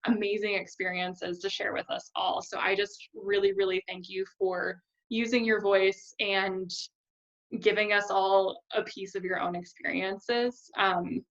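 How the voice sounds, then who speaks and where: A woman co-hosting a virtual ceremony, giving grateful closing thank-yous. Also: medium pitch. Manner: grateful, repetitive, steady. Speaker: ceremony co-host. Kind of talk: closing thank-you remarks. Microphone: video call. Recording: dull lo-fi video call audio.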